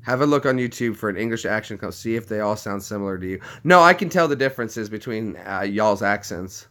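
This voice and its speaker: Speaking briskly with an animated, fairly bright tone, a Tennessee man with a neutral American accent vlogs casually to camera in a lowish voice. His explanations come step by step, sprinkled with jokes.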